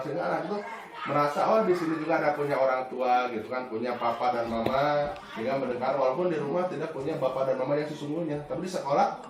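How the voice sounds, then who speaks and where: A male teacher walks through lesson points in a relaxed, explaining manner. Now and then he acts out a teacher or a pupil, sometimes with a sudden shout. His fairly high voice is picked up from a distance in a very echoey room. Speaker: teacher presenting a training module. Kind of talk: classroom presentation. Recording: very echoey room, mic far off.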